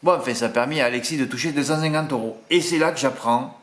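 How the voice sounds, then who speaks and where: A man's voice: medium pitch, fast talker, a bit bright. Chatty Marseille man in echoey room. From southern France. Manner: chatty, self-mocking, frequent "hein" asides. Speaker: horse racing tipster. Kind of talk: casual monologue.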